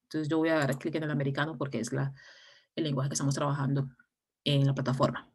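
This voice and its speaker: A woman's voice: sits low, flat delivery, quick pace, husky. A woman English teacher explaining step by step in an online class, with frequent fillers and restarts.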